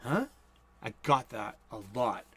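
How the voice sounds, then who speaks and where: A husky, medium-pitched voice moves slowly as this host preaches a casual sermon. He's in his forties, has a Boston accent, and speaks from a cluttered room at home. Rambling and self-interrupting, he mumbles and accelerates when excited.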